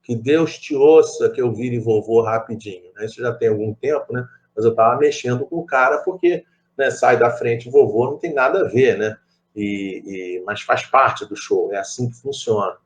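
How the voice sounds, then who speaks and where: In dull audio, a middle-aged Brazilian man with a mid-range voice and moderate pace leads a spiritist study group. Speaking with a Rio de Janeiro accent, he tells conversational stories packed with asides and recurring phrases.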